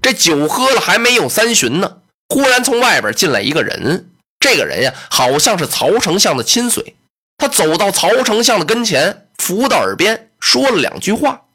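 Lively, bright storyteller. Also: medium pitch, normal speed, slightly rough. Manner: lively, dramatic, explanatory asides. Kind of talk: traditional storytelling performance.

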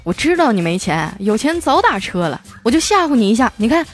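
A woman's voice: on the high side, very animated, fairly quick, music in the background. A woman voicing a burly man who jumped out to rob someone, talking in a matter-of-fact way in a comic story. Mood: deadpan. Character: burly male street robber, dryly amused.

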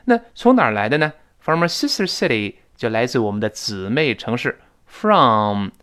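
A man leads a recorded English lesson. His voice is clear and resonant, and his pitch rises and falls in an animated way. He repeats phrases slowly for listeners to copy. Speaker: English teacher.

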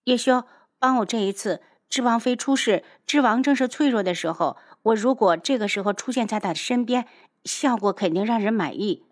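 A woman voicing a pretty, hot-tempered young man who shouts his insults in a high, agitated voice. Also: moderate pace, natural voice. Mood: coaxing.

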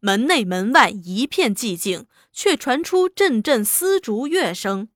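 A woman narrating a serialized novel in an expressive, lively storytelling manner. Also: fairly high pitch, slow, dry recording, studio quality. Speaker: audiobook narrator.

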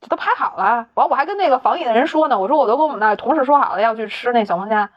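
A woman's voice: fairly high pitch, expressive, racing, muffled recording. A woman telling a story in casual chat, laughing often, swearing casually and acting out the dialogue. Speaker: podcast co-host.

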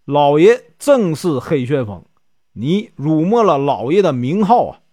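A man's voice: on the high side, big pitch swings, measured pace, mellow, no echo, clean studio sound. A man voicing a fierce, hot-tempered outlaw who blusters and threatens, in a storybook telling.

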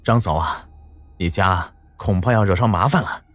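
A man voicing a timid, placating middle-aged village uncle in an audio story, speaking low and nervously. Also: moderate pace, a bit bright, no echo, soft background music. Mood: worried.

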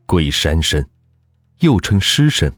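A man narrating a folk ghost story in a measured, steady storytelling manner. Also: very deep voice, no echo, studio quality, soft background music.

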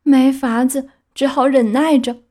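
A woman voicing a wooden puppet boy turned into a miserable donkey, with high wailing braying cries, in a children's storybook reading. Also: steady tone, unhurried, mellow. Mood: resigned.

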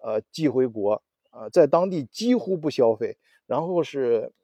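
A man's voice: mid-range voice, lively intonation, measured pace, dark tone, breathy edge, no echo. A man hosting a casual solo talk show, rambling with many restarts and fillers. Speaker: podcast host. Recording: dull, lo-fi audio.

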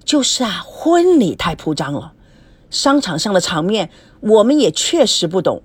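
A woman's voice: mid-range voice, very animated, moderate pace, breathy edge, dry recording. Woman reading as a thrifty old grandma. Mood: musing. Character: older grandmother, content and thrifty.

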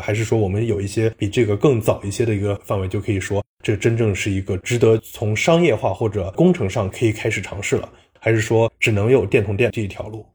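A male podcast host asks long, probing questions at a quick clip. His voice is mellow and dark with a husky grain. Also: fairly low pitch. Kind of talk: interview questions.

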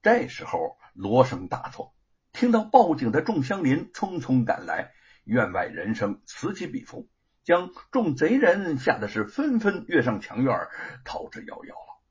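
A male storyteller narrating a traditional oral tale in a dramatic, animated way. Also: mid-range voice, a little slow, husky, muffled recording.

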